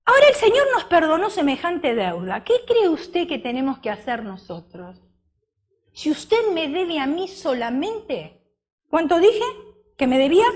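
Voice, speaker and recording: A woman preaches a sermon in a high, very animated voice. She speaks slowly and drops her voice low on key words. She often puts questions to her listeners and acts out the story she is telling. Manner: asks the congregation questions and dramatizes the parable.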